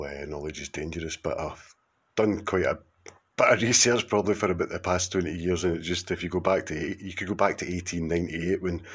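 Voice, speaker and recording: A man's voice: sits low, husky. A man in his fifties with a Glaswegian accent, speaking casually to camera in a rambling, hesitant way. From Scotland. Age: 50s. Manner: rambling, hesitant, with many fillers and restarts. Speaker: contributor sending a video message.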